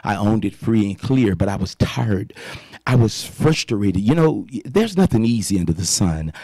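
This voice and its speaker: A man's voice: lowish voice, lively intonation, normal speed, mellow, no echo. Fervent preacher in his fifties on radio. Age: 50s. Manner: fervent, calls out praise and amen often. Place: radio studio. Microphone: studio mic on boom arm, wearing headphones.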